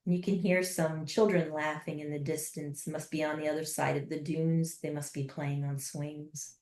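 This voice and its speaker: A woman with a low, steady voice leads a guided meditation, speaking slowly, softly and without hurry, with long pauses. The recording has a roomy echo.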